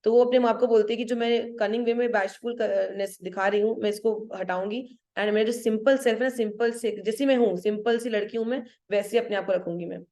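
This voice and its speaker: A woman described as a Hindi teacher and an English literature teacher explains a play line by line, her voice on the high side, dark-toned, with fairly even intonation. She switches between Hindi and English, checks understanding with "ठीक है?" and reads quoted verse lines slowly.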